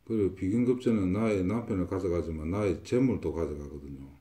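Speaking briskly in a low, dark voice, this fortune teller gives a consultation full of confident predictions. He repeats his pronouncements again and again.

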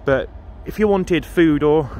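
A man's voice: fairly high pitch, measured pace, a little mellow, a little hiss or hum. A man filming a casual vlog on his phone outdoors on a station platform, chatty and rambling, repeating himself with fillers. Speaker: train vlogger. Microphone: handheld phone camera.

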